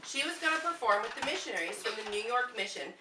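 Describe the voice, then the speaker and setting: Narrating a puppet show, an American woman reads a scripted story aloud to relatives in a fairly high, animated voice at a fast clip. The recording was made from far off in an echoey, noisy room.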